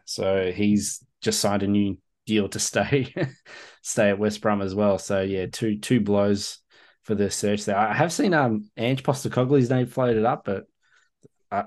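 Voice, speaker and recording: A man's voice: fairly low pitch, darkish tone. A man hosting a casual sports podcast, chatty and often laughing, with many fillers. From Australia. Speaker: podcast host. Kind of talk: casual chat.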